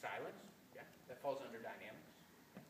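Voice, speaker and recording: A man's voice: medium pitch, lively intonation, a little fast. A man teaching a music master class, explaining and quizzing his students with energy. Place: concert hall or classroom. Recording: echoey room from a distant mic with noise.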